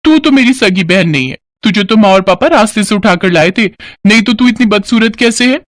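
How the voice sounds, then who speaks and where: A man's voice: sits high, animated, a little fast, fairly bright tone, dry recording, clean studio sound, pitched above the performer's own voice. A man voicing a spiteful young girl who mocks her sister. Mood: mocking. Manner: mocking.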